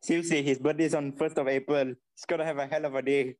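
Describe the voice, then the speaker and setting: A man's voice: a little high, steady tone, fast, a little mellow. A young man, co-hosting a casual podcast chat, laughing often and mixing in Malay words. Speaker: podcast co-host.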